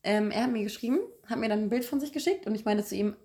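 A young woman chatting in a relaxed podcast conversation. She tells her stories in an animated way, full of little fillers and restarts, and her pitch sits in the middle of the range. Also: fast talker. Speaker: podcast co-host. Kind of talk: casual chat.

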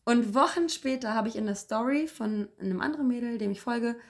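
A woman's voice: a little high, fairly quick. A young woman co-hosting a podcast, chatting casually and telling anecdotes with lots of fillers. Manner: chatty, animated storytelling with many fillers. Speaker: podcast co-host. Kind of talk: casual chat.

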